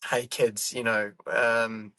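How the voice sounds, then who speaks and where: A man's voice: medium pitch, little pitch movement, slow pace, sharp tone, dry recording. A middle-aged man, a comedian chatting in a podcast interview, rambling and correcting himself as he goes. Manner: rambling, self-correcting, laughs often. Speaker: guest comedian.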